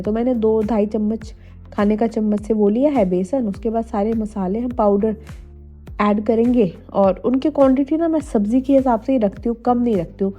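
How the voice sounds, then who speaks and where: Chatty young woman, slightly hoarse. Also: fairly high pitch, muffled recording. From India. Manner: chatty, addresses viewers directly. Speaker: homemaker vlogger. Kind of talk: casual cooking vlog voice-over. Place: voice-over, not recorded in the pictured kitchen. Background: faint music.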